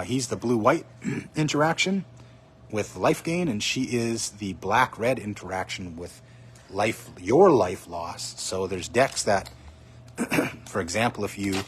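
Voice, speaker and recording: A man casually chatting on a livestream as he opens card packs, excitedly calling out each card he pulls, his voice a little hoarse. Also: on the low side. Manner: chatty, excited, naming cards as he pulls them. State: slightly hoarse. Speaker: card box opening streamer.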